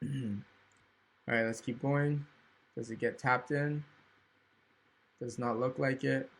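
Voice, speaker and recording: A man's voice: medium pitch, fairly even intonation, slow, creaky. A man casually walking through trading charts on screen, thinking aloud and often checking in with "right?". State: hiccups. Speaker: trading educator. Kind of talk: screen-recorded chart walkthrough.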